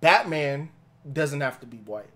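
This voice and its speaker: Excitable laughing young man, lively pitch. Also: a little slow. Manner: excitable, laughing, interrupting, says "bro" a lot. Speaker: podcast co-host. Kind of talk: casual chat.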